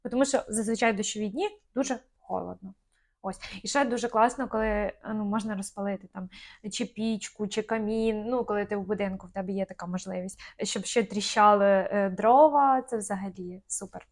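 A woman's voice: mid-range voice, fairly quick. A young woman co-hosting a casual chat, talking easily with lots of fillers and small hesitations. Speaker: podcast co-host.

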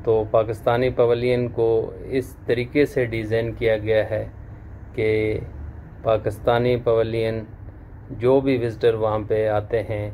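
Brief: man in his 30s, channel host, slow and even, dark mellow tone, faint hum behind. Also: on the low side. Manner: slow, measured, formal greetings. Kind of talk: news update to camera. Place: small indoor room, plain wall.

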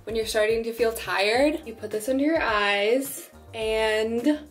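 A young woman in her twenties with a slightly raspy voice, chatting casually to camera in her apartment kitchen, full of "like" and "um". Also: fairly high pitch, measured pace, soft background music, poor audio. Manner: chatty, relaxed, lots of "like" and "um". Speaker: vlogger. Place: small apartment kitchen, indoors.

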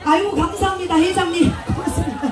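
Woman performer, high bright voice, bantering with the crowd through a booming stage mic. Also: fairly even intonation, quick pace. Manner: joking, chatty, effusive thanks. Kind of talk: banter with a live audience. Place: outdoor festival stage. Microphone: stage PA microphone. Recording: echoey PA sound, taped from far off, crowd noise.

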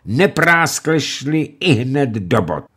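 A man's voice: mid-range voice, very animated, a bit bright, husky, voice pushed up. A man voicing a furious, blustering nobleman lord who bellows threats. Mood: raging.

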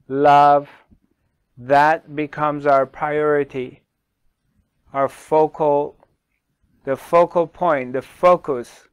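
A middle-aged man, a spiritual teacher, speaking slowly to the camera with long pauses and repeated questions, on a lapel mic in a small studio. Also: fairly high pitch, clear, resonant tone, no echo. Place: small dark studio, indoors.

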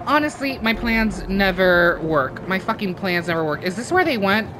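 A woman's voice: mid-range voice, sing-song, moderate pace, background noise. A woman giving casual let's-play commentary on a shooter, frustrated and swearing often as she rants about her plays. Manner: frustrated, swears a lot, ranting. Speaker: gaming YouTuber.

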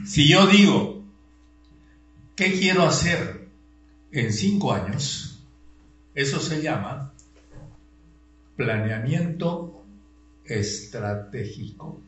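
An older man giving a classroom lecture, tired, slow and deliberate, posing rhetorical questions and pressing his points. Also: fairly high pitch, very animated, a bit bright. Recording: roomy, dull sound with faint hum.

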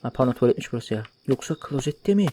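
A man's voice: medium pitch, lively intonation, fast talker, dark tone, slight background noise. A man giving joking, mock-outraged let's play commentary while translating game dialogue aloud. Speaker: gaming YouTuber.

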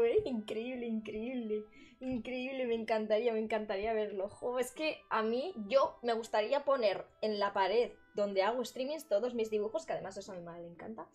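Bubbly Spanish woman streamer, chatty. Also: fairly high pitch. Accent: Spain Spanish. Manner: bubbly and chatty, laughs often, bursts into loud exclamations. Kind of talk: casual live-stream chat with viewers. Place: bedroom at her grandmother's home.

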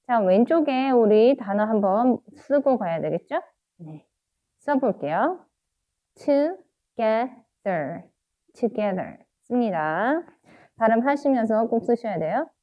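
A woman teaching English phonics to children, explaining in Korean, patiently repeating each English word slowly and drawing it out. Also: a little high, lively intonation. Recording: dull lo-fi recording.

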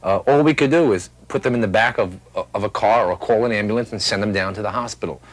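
Male interviewee, low voice, dry recording. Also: fast talker, no echo. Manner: plain, repetitive with restarts.

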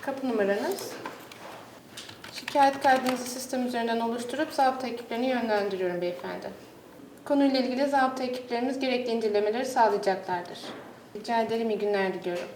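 A woman's voice: fairly high pitch, quick pace. A woman speaks from some distance in a roomy, noisy space. She uses a courteous, formal customer service voice, as a help desk agent would on the phone. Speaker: call centre agent at a municipal help desk. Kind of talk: polite scripted customer service phone talk. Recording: roomy, distant mic, clear background noise with clicks.

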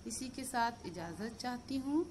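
A woman with a Pakistani Urdu accent, hosting a cooking channel, calmly talking through each step of a recipe in a voice-over. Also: a little high, a little slow, noisy background. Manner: steady step-by-step instructions mixed with English words.

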